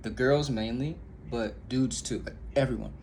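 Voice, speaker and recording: A young vlogger from Indiana, USA, talks candidly to camera in a loose, rambling monologue, frequently stopping, restarting and using fillers. His mid-range voice moves at normal speed and sounds creaky and darkish, with a little hiss or hum in the recording.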